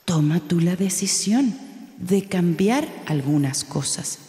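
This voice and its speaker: A woman voicing a wise, calm bat-dinosaur who gives gentle advice in a low, slow, soothing way. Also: long reverb tail.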